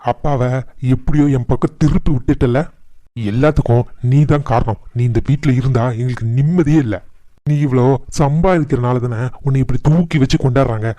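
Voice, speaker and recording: A man's voice: mid-range voice, fairly quick, dark tone, no echo, lightly acted. Guy doing a bitter sneering cartoon son, young troublemaker, dry close voice. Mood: defiant. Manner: sneering, spiteful.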